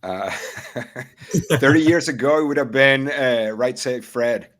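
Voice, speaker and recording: A man's voice: medium pitch, slow, fairly bright tone. A middle-aged man from Venezuela, a triathlon coach and guest, chatting casually with frequent fillers, restarts and easy laughter. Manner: hesitant, many fillers and restarts, laughs easily. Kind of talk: casual interview chat.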